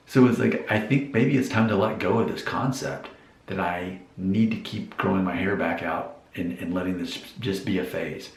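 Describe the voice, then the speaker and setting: Man, forties, vlogger, reflective casual monologue, very low voice, echoey room. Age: 40s. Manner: musing, self-questioning.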